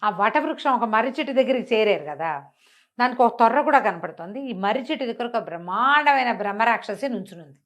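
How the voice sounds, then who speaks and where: A woman storyteller on a web show recounts a fantasy folk tale in a chatty way, repeating phrases and posing rhetorical questions. Her voice is a little high with lively intonation, and she talks fast.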